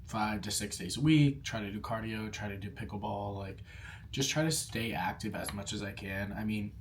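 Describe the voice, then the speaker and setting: A man's voice: on the low side, normal speed, a little hiss or hum. Chatty young man eating on camera. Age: young adult. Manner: chatty, lots of "like" fillers, talks between bites. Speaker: food vlogger. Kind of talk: casual mukbang Q&A while eating.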